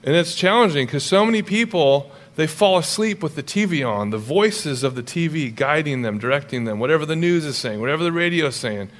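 A middle-aged male pastor preaching a sermon in a lively, conversational way with humorous asides. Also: a little high.

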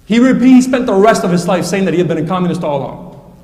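High-voiced man in an echoey hall. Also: lively intonation, a little mellow. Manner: measured, academic, pointed. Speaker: debate speaker. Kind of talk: formal critical debate remarks. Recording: echoey hall, distant mic.

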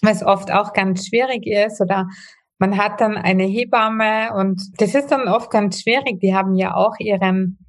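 A woman's voice: medium pitch, a little slow. Chatty woman podcast host. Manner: chatty, rambling questions. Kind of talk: casual interview hosting.

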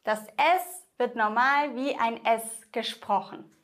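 A young woman gives an online language lesson in a somewhat high voice. She speaks slowly and deliberately, repeating each example word so the listener can say it after her. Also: a bit bright. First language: German. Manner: slow, careful, repeats example words for the listener to echo. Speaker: Spanish pronunciation teacher.

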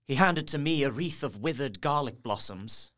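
The mood is suspenseful as an actor, speaking at medium pitch with lively intonation close to his everyday voice, portrays an earnest young gentleman narrating a horror journal. It's an audio drama, delivered in a measured, literary, haunted way.

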